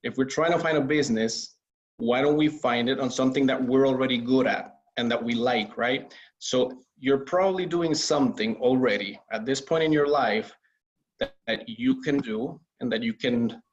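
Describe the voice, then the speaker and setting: A man's voice: mid-range voice, moderate pace. A man speaking as an entrepreneur guest on a webinar in a casual, earnest way, repeating words and using many fillers. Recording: slightly dull lo-fi audio.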